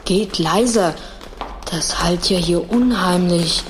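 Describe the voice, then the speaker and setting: A woman's voice: on the low side, slow. Decisive young boy, faint noise. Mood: watchful. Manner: decisive, explanatory. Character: bossy, methodical young boy leading his siblings. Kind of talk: children's audio drama acting.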